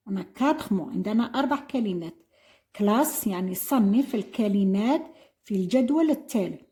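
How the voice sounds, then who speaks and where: A retired primary teacher, an older woman with a warm and slightly high voice, explains an exam to a classroom. She spells each word letter by letter, speaking a mix of French and Arabic.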